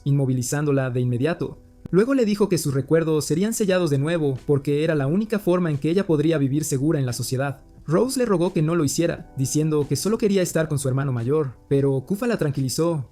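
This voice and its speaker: A man narrating a story recap in a scripted, steady storytelling manner. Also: a little high. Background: faint music.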